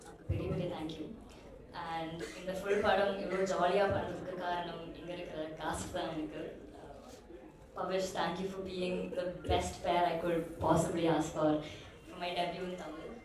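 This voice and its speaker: A young woman speaks slowly in a low, even voice, hardly rising or falling. She works through a long list of thanks in Tamil and English, with fillers between the names. Her voice comes from a mic some way off in a ringing hall, with a crowd behind her. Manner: flat and steady, listing names with fillers. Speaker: actress giving a launch speech. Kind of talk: stage thank-you speech mixing Tamil and English. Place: large event hall. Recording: echoey hall from far off with crowd.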